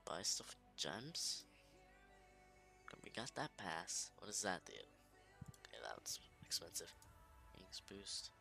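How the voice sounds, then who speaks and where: A man hosting casual gameplay commentary at home late at night, talking quietly and half-whispering into a close microphone. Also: low-pitched, very animated, takes it slowly, vocal fry, long pauses, faint music behind. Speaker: gaming channel host. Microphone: desk microphone close to the mouth.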